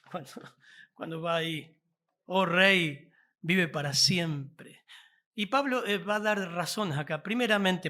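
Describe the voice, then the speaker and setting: A male pastor with a Rioplatense accent, preaching a sermon with animated delivery, reading scripture aloud and adding joking asides to the congregation. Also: a little high. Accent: Rioplatense Spanish.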